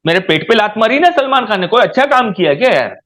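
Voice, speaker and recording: A man's voice: high-pitched, big pitch swings, quick pace, fairly bright tone. A man, a guest in an interview, ranting indignantly in heated talk.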